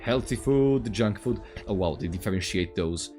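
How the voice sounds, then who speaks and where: A man's voice: lowish voice, animated, normal speed, darkish tone, soft background music. A man playing a video game with casual running commentary, exclaiming, swearing and talking back to the characters. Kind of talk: casual let's play commentary.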